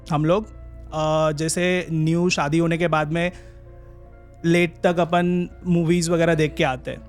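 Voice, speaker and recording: A young man with a strikingly high voice tells a personal story as a podcast guest. His delivery is casual and halting, full of drawn-out pauses and restarts, while soft music plays quietly beneath him.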